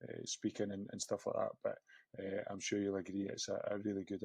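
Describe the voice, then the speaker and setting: A Scottish man hosting a podcast interview, talking in a halting way with many restarts and fillers. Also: on the low side, completely flat delivery, vocal fry, a little mellow, husky, no room sound. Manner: hesitant, lots of restarts and fillers. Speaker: podcast host.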